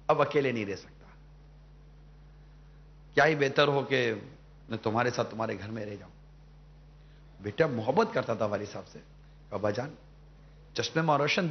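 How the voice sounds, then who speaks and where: A man's voice: mid-range voice, muffled recording. A male preacher telling a moral story in a sermon, earnest and rising into emphatic appeals to his listeners.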